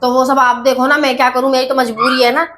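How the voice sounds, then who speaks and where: Sassy higher-voiced woman in a sketch. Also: level tone, fast talker, fairly bright tone, faint music behind. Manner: sassy, bantering. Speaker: comic actress. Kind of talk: comedy sketch.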